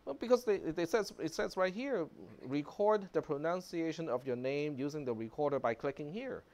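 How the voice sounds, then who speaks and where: Speaking at a moderate pace in a somewhat high voice, this Cantonese-native lecturer keeps his computer science class casual. He chats easily, leans on plenty of fillers, and chuckles now and then.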